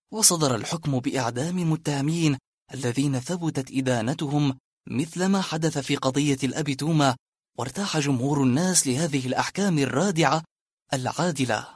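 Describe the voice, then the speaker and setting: A male narrator reads a historical audiobook in a steady, measured way. His voice is slightly higher than a typical man's. It is recorded close on the mic and sounds dry, with no room echo. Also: slightly rough.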